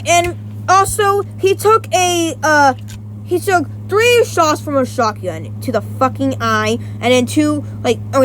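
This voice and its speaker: In a rough recording with a faint hum underneath, a high-voiced woman YouTuber casually breaks down a versus battle. Her talk meanders, often halting for self-corrections and restarts, with an occasional curse thrown in.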